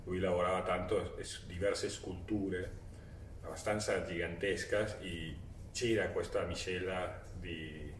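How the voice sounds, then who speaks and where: Low-voiced man, Argentine Spanish accent, native Spanish speaker, halting mixed-language interview talk, slow pace, roomy sound. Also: fairly even intonation. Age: 40s. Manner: halting, searching for words, switching between languages. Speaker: interview guest, perfumer. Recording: roomy echo, distant mic, faint noise.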